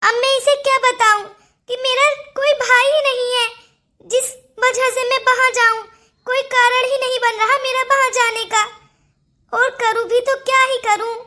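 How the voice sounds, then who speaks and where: A woman's voice: very high-pitched, fairly even intonation, moderate pace, pushed and bright. A weary, stern cartoon mother. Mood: sad. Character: sad young mother with no brother. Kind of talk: cartoon voice acting.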